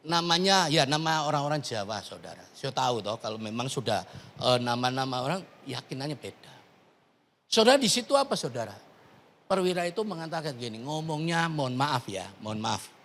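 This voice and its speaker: Man, pastor, high voice, sermon, emphatic questions to the congregation. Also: animated, normal speed, a bit bright. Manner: addresses the congregation as "saudara", rising emphatic questions. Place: large church hall. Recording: long hall reverb.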